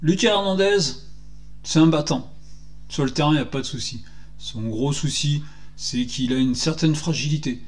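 A man in his forties giving an indignant, animated solo opinion talk, firing rhetorical questions, recorded on a desk microphone in a small room. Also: fairly high pitch, normal speed. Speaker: football commentator vlogger. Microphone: desk microphone on stand.

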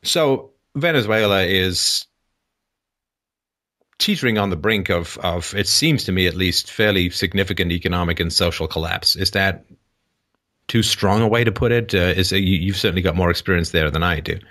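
A man's voice: low voice, moderate pace, sharp tone. A man hosting a call-in show, lecturing a caller with sarcastic asides. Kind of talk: explanatory monologue to a caller.

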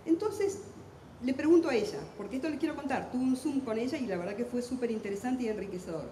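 A middle-aged woman with an Argentine Spanish accent, a literary translator on a book fair panel, talks fast and intensely in a fairly high, mellow, expressive voice, full of self-deprecating humor. The lively public talk echoes through a large hall with long reverb, and there's a faint hiss or hum.

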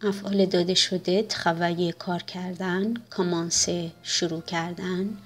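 A woman teaching a French lesson, reading French words slowly and then translating each one. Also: lowish voice, flat delivery, soft background music. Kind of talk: recorded language lesson.

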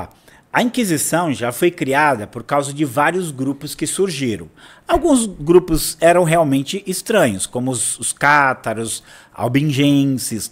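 A Brazilian man with a Brazilian Portuguese accent, teaching church history in a casual, animated way, acting out quotes and restarting often. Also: medium pitch, slightly rough.

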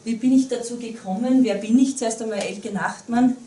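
A woman in her thirties with an Upper Austrian accent gives an earnest public talk as a guest speaker to a small group in a small meeting room, with many restarts and fillers. Her voice is a little high and dark-toned at a moderate pace. A far camera captures roomy, distant audio with a little hiss or hum.

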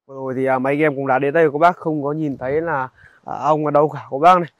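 A young man, narrating a casual outdoor vlog in a halting, conversational way and speaking directly to viewers. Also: a little high, steady tone, dull audio. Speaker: vlogger. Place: outdoors in a highland village.

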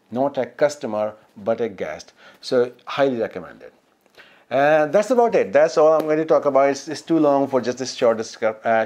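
A man's voice: medium pitch, a little mellow. Hesitant man vlogging about travel. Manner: hesitant, with many fillers and restarts. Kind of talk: casual talk to camera.

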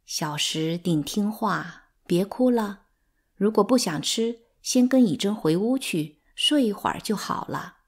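A woman voicing a gentle, caring mother who speaks slowly and soothingly in a storybook reading. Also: mid-range voice, animated, slightly rough.

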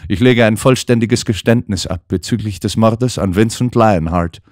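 A man's voice: on the low side, normal speed, darkish tone, no room sound, studio quality, voice pushed up, lightly acted. A man doing a desperate stubborn young actress. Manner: pleading, insistent. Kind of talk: audiobook character voice.

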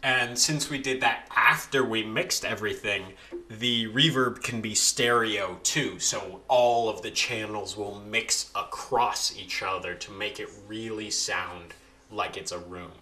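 A young man casually talking through how he edits recordings of his own singing, relaxed and with frequent restarts. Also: on the low side, unhurried. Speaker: video creator explaining vocal editing. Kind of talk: casual voice-over tutorial.

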